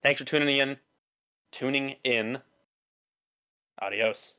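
A young man hosting a casual podcast chat, animated and exasperated, joking with friends. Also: medium pitch, slow pace, clear, resonant tone. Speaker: podcast host.

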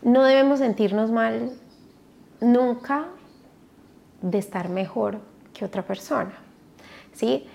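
A woman, a podcast guest and mother, telling her personal story in a halting way with many restarts. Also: on the high side, creaky, darkish tone.

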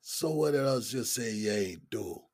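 An actor playing an older male inmate in his sixties with a deep, raspy voice and a Gullah Geechee accent, speaking in a slow, easygoing drawl. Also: animated, darkish tone, no room sound, studio quality. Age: 60s. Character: older male inmate, laid-back smoker. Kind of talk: audio drama acting.

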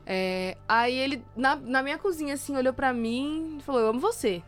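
Casting: young São Paulo woman, slightly high voice, animated anecdotes, soft music underneath. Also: moderate pace. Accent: Brazilian Portuguese, São Paulo. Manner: animated storyteller, playacts the voices of others. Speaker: podcast co-host. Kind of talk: casual chat.

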